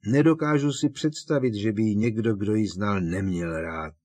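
A man voicing an elderly, fussy and sentimental potions teacher in an audiobook, talking in halting, emotional bursts. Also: lowish voice, a little mellow, no room sound, close to an everyday voice. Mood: tearful.

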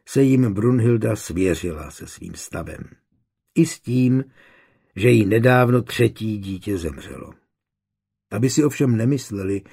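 A man reading a novel aloud as narrator, in a calm, measured way. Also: lowish voice, gravelly, slightly rough. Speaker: audiobook narrator. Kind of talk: scripted narration.

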